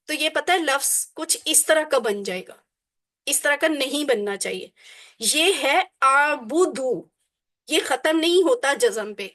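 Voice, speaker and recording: A woman teaching a class on Quranic Arabic, drilling word forms slowly and deliberately, then explaining them. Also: high-pitched, a bit bright.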